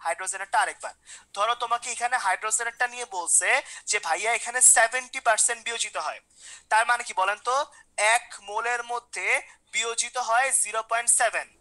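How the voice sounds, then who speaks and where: Woman teacher, quick and high-pitched, coaxing and repetitive. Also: bright, forceful tone, poor audio. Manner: repeats questions, coaxes students by name. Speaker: chemistry teacher. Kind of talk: online class lecture.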